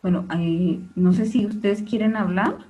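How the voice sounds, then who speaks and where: A woman's voice: medium pitch, measured pace, dark tone, rough recording. A woman teaching an online class, explaining at length with many "este" fillers and questions to her students.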